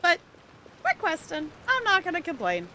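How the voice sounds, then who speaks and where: A woman's voice: extremely high pitch, wildly swooping pitch, moderate pace, sharp tone, a little hiss or hum. A woman streaming a game with casual, chatty commentary, giggly and thinking aloud.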